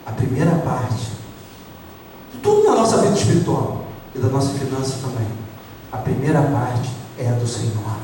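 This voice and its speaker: A man's voice: medium pitch, sing-song, normal speed, warm tone, slight background noise. A man with a Brazilian Portuguese accent preaching a sermon as pastor, stressing his points by repeating them and putting questions to the congregation. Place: church hall. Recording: echoey church hall from far off.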